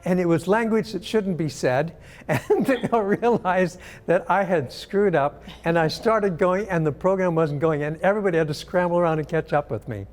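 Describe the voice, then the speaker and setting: Older man telling a lively story. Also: sits high, normal speed. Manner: animated storyteller, lots of "um" fillers. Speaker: former artistic director of a ballet company. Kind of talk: casual anecdote in a conversation.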